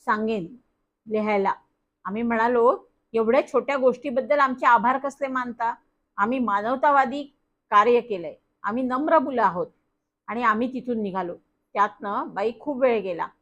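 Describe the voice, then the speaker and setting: Expressive woman reading a children's story. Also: fairly high pitch, dull audio. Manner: expressive, acts out dialogue.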